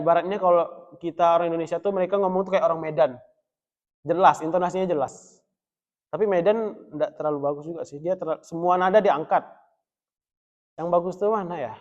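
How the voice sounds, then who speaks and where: Joking male teacher, slightly high voice. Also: a little fast, pauses often, lo-fi sound. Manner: relaxed, joking, chuckles often. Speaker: Islamic teacher teaching Arabic. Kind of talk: casual classroom lesson. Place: mosque study room.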